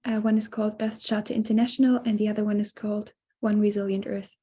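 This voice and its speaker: A woman's voice: medium pitch, little pitch movement, fast, mellow, slightly rough. A woman student and NGO volunteer introducing herself steadily on a video call. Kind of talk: casual self-introduction.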